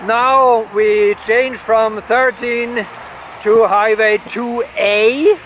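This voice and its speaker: A man vlogging casually while riding a trike along a highway, halting with many fillers and making sarcastic jokes about bumpy roads. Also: fairly even intonation, a bit bright, a little hiss or hum, low-quality recording. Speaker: travel vlogger. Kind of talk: casual commentary while driving.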